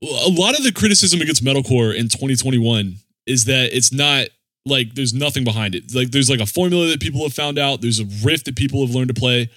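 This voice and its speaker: A man's voice: medium pitch, fairly quick, fairly bright tone, no room sound. A man chatting casually as a music podcast host in slangy, swearing bro talk. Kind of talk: casual chat.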